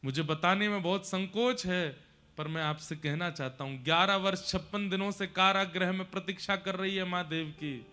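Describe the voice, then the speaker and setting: A man's voice: sits high, normal speed, sharp tone, smooth, soft background music. A man doing a grave, reluctant messenger. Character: hesitant male royal messenger, grave and respectful.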